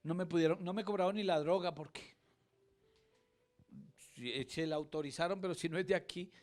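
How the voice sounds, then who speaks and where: A middle-aged man preaching a sermon, telling his own testimony with dramatic swings from hushed to loud. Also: fairly high pitch, fairly quick.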